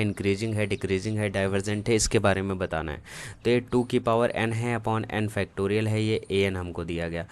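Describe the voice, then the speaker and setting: A man with a low, smooth, resonant voice leads an exam-prep math lesson. He works through each problem step by step in a casual, familiar way, often stopping to check that his students follow. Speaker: math tutor.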